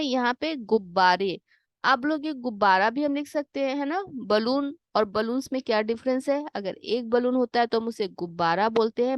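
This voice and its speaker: Working through a worksheet, a woman gives kids a Hindi lesson, patiently posing questions, answering them herself, and slipping in English translations. Her voice sits fairly high, and there's no echo.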